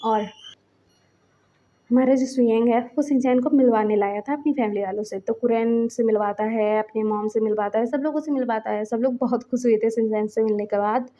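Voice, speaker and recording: Woman storyteller, chatty casual retelling, mellow voice, dull lo-fi sound. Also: on the high side, fairly even intonation, moderate pace. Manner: chatty, conversational retelling with many fillers.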